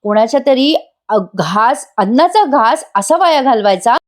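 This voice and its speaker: A woman's voice: a little high, expressive, unhurried, voice pushed up. A woman voicing an angry young husband who scolds and warns his wife, read as part of a voice-over review. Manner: scolding, warning. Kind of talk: voice-over review re-enacting serial dialogue.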